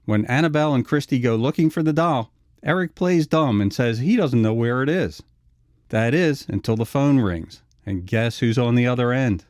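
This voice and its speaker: Man, mid-pitched voice, scripted retrospective narration, very dry recording. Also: animated, moderate pace, darkish tone, no echo.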